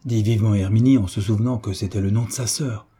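A man reading a classic novel aloud in a measured, even audiobook narration. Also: fairly low pitch, husky. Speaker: audiobook reader.

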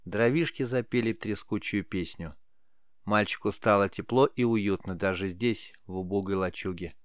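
A man narrating a fantasy audiobook in a measured, scripted way. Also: on the low side, clear, resonant tone, no echo, clean studio sound.

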